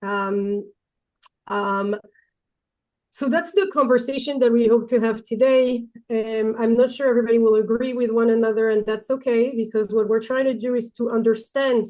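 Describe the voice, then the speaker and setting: A woman with a light, delicate voice hosts an online talk, introducing it hesitantly with many pauses. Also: on the high side, steady tone, mellow, low-quality recording. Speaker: webinar host.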